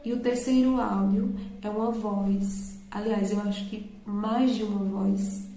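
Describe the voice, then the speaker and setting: A woman's voice: medium pitch, little pitch movement, unhurried, warm tone, reverberant, slight background noise, poor audio. A woman earnestly telling her viewers a personal faith testimony, awed and direct. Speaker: testimony vlogger.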